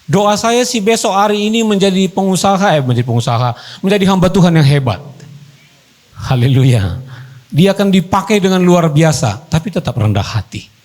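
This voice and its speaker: A male pastor delivers a wedding sermon in a high voice. He hammers home key phrases by repeating them. He drops into quiet, personal counsel to the couple, then rises into full preaching. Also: expressive, normal speed, rough recording.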